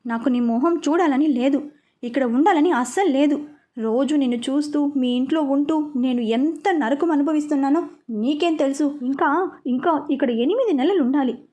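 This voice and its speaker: A woman voicing a weak but defiant young woman in a storybook reading, speaking with a resentful, steady voice. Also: high-pitched, normal speed, lightly acted. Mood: angry.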